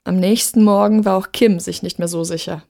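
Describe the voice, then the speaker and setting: A woman narrating a story in a steady, measured reading voice. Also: mid-range voice, gravelly.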